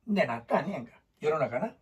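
Kansai man teaching storytelling, lively swooping delivery, husky voice, recorded from a distance. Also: fast. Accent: Kansai (Osaka). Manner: animated, emphatic, shifts between loud bursts and low asides. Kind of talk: lecture to students.

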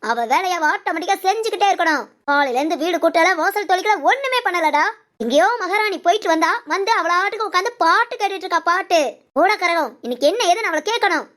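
A spiteful mother-in-law from a family cartoon, voiced by a woman, scheming against her son's wife. Her voice sits very high and her jeers come quickly, one after another. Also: lively intonation, a bit bright. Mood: scornful. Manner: scolding, mocking, fast taunts. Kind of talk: animated family cartoon dub.

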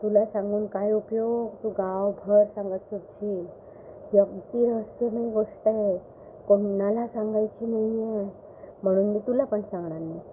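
A woman's voice: mid-range voice, steady tone, measured pace, natural voice. A woman playing a secretive village farmer. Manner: teasing, secretive. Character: calm cunning village farmer husband. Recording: phone-like line with faint hiss.

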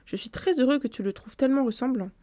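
A woman gives voice to an older father from a nineteenth-century tale, speaking with gentle indulgence. The reading stays dry and close, set slightly high. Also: fast talker, no room sound, lightly acted. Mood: fond. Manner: fond, indulgent. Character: gentle old father, a nobleman.

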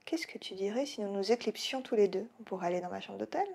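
A woman's voice: mid-range voice, lively intonation, fast. A woman reading as a flirty surfer guy. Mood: seductive. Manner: smooth, hushed.

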